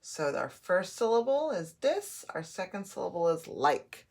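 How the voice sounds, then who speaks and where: A woman's voice: on the low side, very animated, a little slow, darkish tone. A woman teaching a phonics and spelling lesson, patiently sounding out letters and words.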